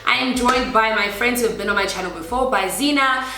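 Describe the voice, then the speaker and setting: A South African woman in her twenties hosting a casual chat with friends on a couch, lively and laughing often. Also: on the high side, fairly quick. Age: 20s. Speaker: host. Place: apartment living room, on a couch. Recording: echoey room.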